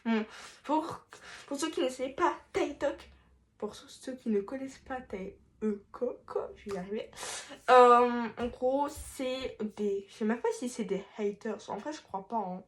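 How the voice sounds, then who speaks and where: A woman vlogger talks through a face mask, so her voice comes out muffled. She speaks slowly in a fairly high voice, rambling and hesitant, with playful self-mocking asides. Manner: rambling, hesitant, lots of fillers and restarts. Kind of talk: casual chat.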